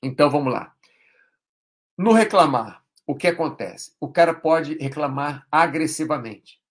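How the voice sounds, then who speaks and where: A man's voice: on the high side, a little slow. A man hosting a live stream, explaining ideas casually in a rambling way, with frequent tag questions.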